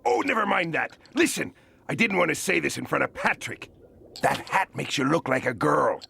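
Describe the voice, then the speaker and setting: An actor playing a stern, gruff old crab captain with a gravelly, growling pirate bark, from a cartoon clip. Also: male voice, on the high side, expressive, normal speed, sharp tone, a little hiss or hum, full character voice. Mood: scolding. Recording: cartoon clip with music behind.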